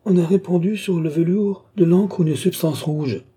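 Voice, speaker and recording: A man voicing an excitable, blustering middle-aged collector who gets flustered, in a read-aloud story. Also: a little fast, husky. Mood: alarmed. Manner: loud, flustered and rumbling.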